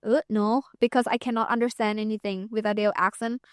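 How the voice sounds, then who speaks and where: A young Thai woman and TikTok creator speaks fast with a Thai accent, her medium-pitched voice steady in tone, while crowd noise sounds in the background. She's a guest in a casual interview, chatting loosely and leaning heavily on "like" and "you know."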